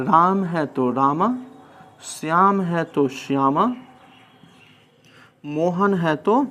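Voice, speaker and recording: Male tutor, unhurried and methodical, talks students step by step through translation drills, slightly raised pitch. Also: fairly bright tone, slight background noise. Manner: slow, patient, asks and answers his own questions. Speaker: Sanskrit teacher. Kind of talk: classroom lesson explaining translation.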